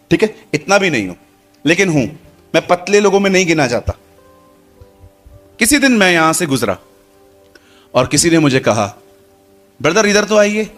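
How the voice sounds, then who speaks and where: A man preaching a sermon to a congregation, acting out little dialogues and putting questions to the crowd. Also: a little high. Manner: lively, acts out dialogue, addresses congregation.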